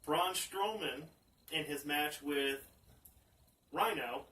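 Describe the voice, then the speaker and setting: A man's voice: a little high, slow, bright, forceful tone, slight background noise. Blunt man on a distant phone recording. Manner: blunt, swears casually. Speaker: podcast co-host. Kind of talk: casual wrestling chat. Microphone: phone or tablet.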